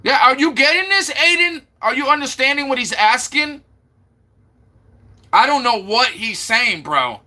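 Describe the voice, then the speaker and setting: Speaking unhurriedly in a very high, expressive voice with a bright, forceful tone, this Floridian man talks casually to his live stream viewers. He keeps sounding out their names again and again.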